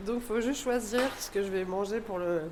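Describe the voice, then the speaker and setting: A woman's voice: medium pitch, unhurried, background noise. A woman customer chatting eagerly and casually in a bakery. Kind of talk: casual comments.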